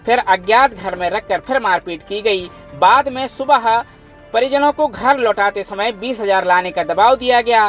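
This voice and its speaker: A woman news anchor reading a scripted report in a formal, measured way, then putting questions to a caller. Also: fairly high pitch. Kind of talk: scripted news narration and phone interview. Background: faint music.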